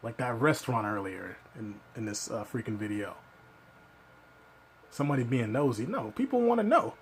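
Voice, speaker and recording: A man's voice: medium pitch, lively intonation, moderate pace, slight background noise. A man giving ranting reaction commentary, scolding and exasperated.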